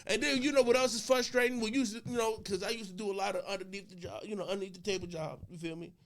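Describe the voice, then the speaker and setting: A man's voice: sits high, steady tone, very fast, crowd noise. A man bantering casually in a rowdy, exasperated frat-bro manner, full of slang and swearing. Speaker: panelist on a group talk show.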